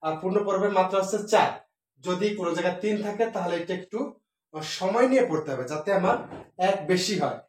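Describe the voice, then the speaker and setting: A male teacher with a Bangladeshi Bengali accent explains poetic meter slowly, using fillers and counting out syllables one by one. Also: high-pitched. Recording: very echoey room, distant mic.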